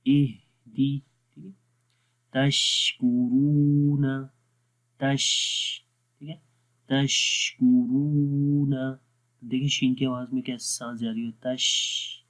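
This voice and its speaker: Slow, patient male Quran teacher. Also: medium pitch, a little mellow, low-quality recording. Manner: patient, repeats letter sounds slowly and deliberately. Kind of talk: slow explanatory lesson with drawn-out recited examples.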